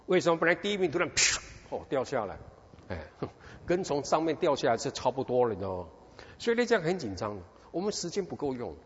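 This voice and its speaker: A man's voice: on the high side, fast. A middle-aged man from Taiwan, preaching a sermon through a personal story and asking his listeners question after question. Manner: animated storytelling, constant rhetorical questions. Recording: dull recording in a reverberant hall.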